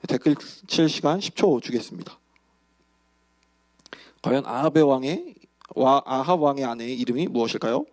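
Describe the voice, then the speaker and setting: A young man, a youth pastor, telling a Bible story in a lively sermon and acting out the characters' lines. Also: mid-range voice, moderate pace, long pauses.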